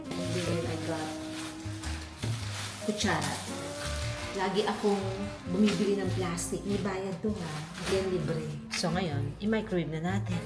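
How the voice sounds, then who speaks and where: An echoey room recording with music carries a woman vlogger with a Filipino accent. Her voice sits a little low for a woman. She chats casually to viewers about what she is eating, switching easily between languages. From Philippines. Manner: chatty, eating while talking, code-switching. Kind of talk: casual food haul and mukbang chat to viewers.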